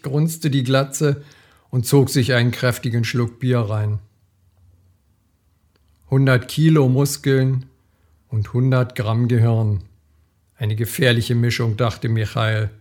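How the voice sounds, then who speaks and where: Male audiobook reader, slow dramatic thriller narration, mid-pitched voice. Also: steady tone, darkish tone. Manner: measured, dramatic storytelling.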